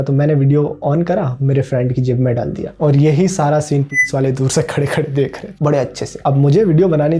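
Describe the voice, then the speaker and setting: Young male vlogger, self-mocking storyteller, slightly high mellow voice. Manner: animated, self-mocking, acts out quoted voices. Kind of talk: casual storytelling.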